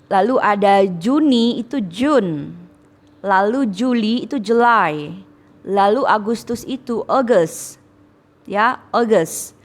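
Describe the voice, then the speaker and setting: A woman's voice: mid-range voice, animated, slow pace. Indonesian lady teacher going over english words, patient, repeats stuff, little teasing. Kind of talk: classroom lesson, correcting students.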